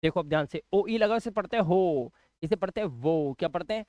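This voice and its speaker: A man teaching English pronunciation in a classroom style. He asks questions, answers them himself and repeats each example word slowly. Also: sits high, animated, darkish tone, no echo. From India.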